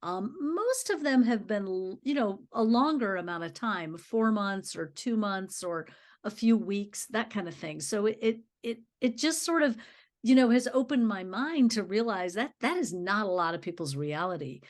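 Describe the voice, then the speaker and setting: A woman with a medium-pitched voice hosts a conversational podcast interview. She talks in a chatty, reflective manner and affirms her guest. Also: animated, normal speed. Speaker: podcast host.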